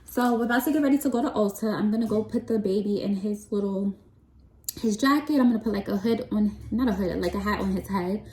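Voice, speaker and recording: A woman's voice: medium pitch, fast, mellow, poor audio. A young woman from Queens, New York, with a New York accent, chatting in a rambling, casual way as she vlogs her errands. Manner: chatty and rambling, talks straight to her followers. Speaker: vlogger. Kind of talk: casual shop-along vlog.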